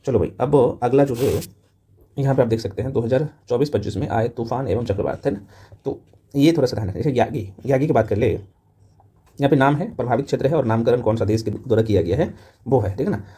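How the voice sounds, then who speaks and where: Rapid-talking man giving an informal revision lecture. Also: mid-range voice, mellow, husky. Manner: rapid-fire delivery peppered with short check-in questions. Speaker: teacher of a current affairs exam class. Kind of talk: fast revision lecture to camera.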